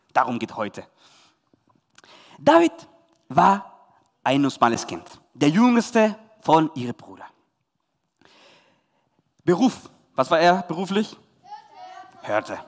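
Lively Chilean youth pastor. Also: male voice, fairly high pitch, in a large hall. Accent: Chilean Spanish. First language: Spanish. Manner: lively storytelling with sudden loud emphasis. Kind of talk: children's Bible talk.

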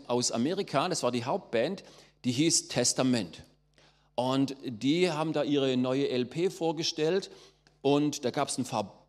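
A middle-aged man from southwest Germany gives a personal testimony, telling his story with fillers and acting out the voices of people he quotes. His voice is mid-range and darkish, and the recording carries a long hall reverb.

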